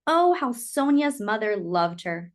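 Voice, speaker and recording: A woman storyteller reads aloud from a children's picture book in a mid-range voice. Dramatic emphasis and careful, expressive phrasing mark her reading.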